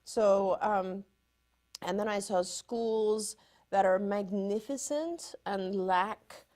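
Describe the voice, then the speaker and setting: A middle-aged woman from Iran, hosting a live show and chatting casually in an upbeat, rambling way with quick restarts. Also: mid-range voice, a little mellow. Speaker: psychologist and show host. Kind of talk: casual live-stream chat.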